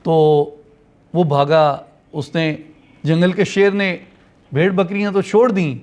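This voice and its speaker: A man's voice: high-pitched, a little mellow. A man from Punjab giving a lecture and telling a story, mixing English phrases into his speech.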